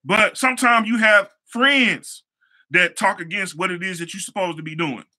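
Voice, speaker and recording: High, bright-voiced man telling stories. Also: moderate pace. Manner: conversational, repeats phrases, casual slang. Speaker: show host, hair stylist. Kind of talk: casual motivational storytelling.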